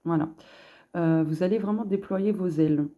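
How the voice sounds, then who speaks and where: A woman doing a casual card reading, thinking aloud in a chatty, upbeat way. Her voice sits a little low and sounds very dark and mellow. She hesitates often and fills the gaps with filler sounds. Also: moderate pace. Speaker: card reader giving a collective astrology guidance.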